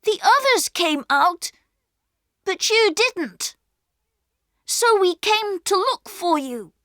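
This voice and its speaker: A woman voicing a brave young boy who leads his siblings, in a high excited child voice for a storybook reading. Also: takes it slowly, no echo, studio quality, full character voice. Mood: earnest.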